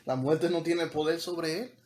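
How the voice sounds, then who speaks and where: Male pastor, slightly high voice, conversational sermon with surging emphasis, faint ambient hiss. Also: steady tone, takes it slowly, a little mellow. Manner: conversational preaching, frequent repetitions and rising emphatic peaks; switches into English words.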